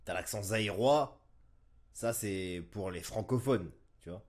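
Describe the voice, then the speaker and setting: A man reacts to a rap battle in a low voice, talking slowly. He thinks aloud with hesitations and fillers. The commentary is casual.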